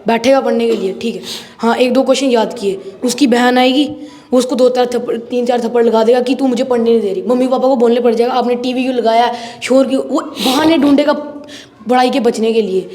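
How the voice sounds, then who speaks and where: High-voiced girl student in a reverberant hall. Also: brisk, dark tone. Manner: eager, recounts lessons to the teacher. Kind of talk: classroom recitation. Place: school classroom. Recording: reverberant classroom.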